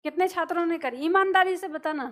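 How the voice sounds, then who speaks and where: High-voiced woman teaching a class. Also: fairly quick. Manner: patient, questioning, answers her own questions. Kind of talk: classroom grammar lesson.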